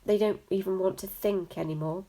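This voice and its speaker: A woman voicing a wise, sad old grandfather cat in a soft, grave tone. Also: medium pitch, fairly even intonation, fairly quick, natural voice, poor audio.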